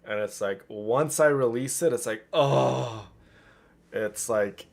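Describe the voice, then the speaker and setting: A man streaming a game chats casually on his livestream, speaking to viewers with doting affection. His medium-pitched voice is slow and creaky.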